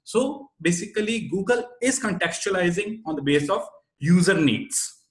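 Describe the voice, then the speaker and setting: A man's voice: high-pitched, expressive, moderate pace. A man with an Indian accent giving an explanatory webinar presentation in a didactic way, stressing his key points. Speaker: webinar presenter, SEO expert. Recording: roomy, echoey sound.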